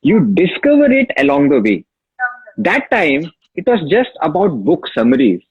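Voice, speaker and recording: As a guest in a casual interview, an app founder from Maharashtra emphatically narrates his story in Marathi-accented Indian English, repeating key phrases. His voice is high with big pitch swings, vocal fry, and a breathy edge at a moderate pace, with no echo and a dull lo-fi sound.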